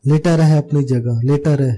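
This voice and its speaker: A man narrating puts on a fierce masked kidnapper who snarls threats. The voice is deep and dark, and the delivery is curt and menacing, as in an audiobook. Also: steady tone, measured pace, close to an everyday voice.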